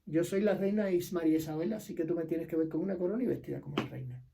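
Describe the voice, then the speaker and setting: A man's voice: on the high side, rapid-fire, gravelly, dark tone, husky. A middle-aged man with a Cuban accent, delivering an impassioned opinion monologue and repeating his key points. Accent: Cuban Spanish. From Cuba. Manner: emphatic, repeats key phrases, trails off at sentence ends. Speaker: political commentator.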